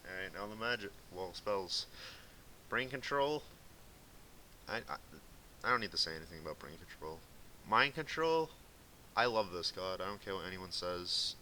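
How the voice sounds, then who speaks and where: A young man from Massachusetts, lightly Boston-accented, gives rambling, laid-back commentary on his card game deck for a gaming video, stuffed with fillers. His voice sits low but swings widely in pitch, bright and forceful, at a moderate pace with long pauses. The home recording is low quality with a faint hiss.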